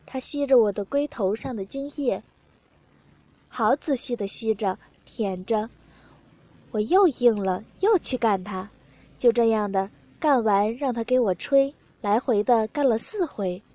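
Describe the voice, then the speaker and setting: A woman narrating an adult story in a plain, steady first-person telling. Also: on the high side, measured pace.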